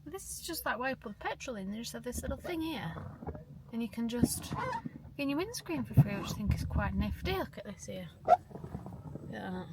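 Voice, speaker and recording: A young English woman chats offhandedly about small things she notices on the road, her voice a touch higher than average. The phone recording carries loud vehicle noise and clicks behind her. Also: sing-song, brisk, gravelly. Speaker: co-host of travel vlog. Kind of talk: casual travel vlog chat. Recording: phone video with loud car and street noise.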